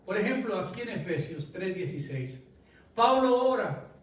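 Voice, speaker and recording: A man's voice: on the high side, darkish tone, a little hiss or hum. Echoey preacher man, heard from afar. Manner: storytelling preacher, rising to emphatic bursts. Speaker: pastor. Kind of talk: sermon. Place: church sanctuary. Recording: echoey church hall, from a distance.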